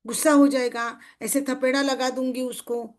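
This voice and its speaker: A middle-aged woman success coach leads a motivational group workshop in a somewhat high voice with little pitch movement, at normal speed. She keeps asking her listeners questions and checking they follow, bringing her points to life by acting out everyday scenes in quoted speech.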